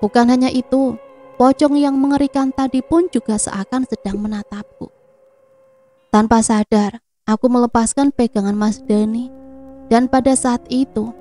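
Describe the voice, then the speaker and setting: A woman reading a first-person horror story in a steady, somber way. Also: on the high side, moderate pace. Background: faint background music.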